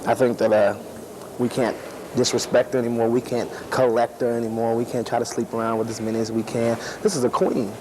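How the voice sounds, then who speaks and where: A man's voice: mid-range voice, level tone, fairly quick, noisy background. Preachy emphatic man speaking outdoors. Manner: preachy, emphatic, repeating phrases. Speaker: interviewee. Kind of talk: street interview opinion.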